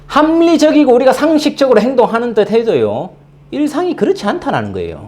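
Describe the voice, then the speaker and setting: A male pastor giving a Sunday sermon in a conversational, animated way, acting out little everyday scenes. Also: high voice. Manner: conversational, animated preaching with acted-out asides. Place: church in London.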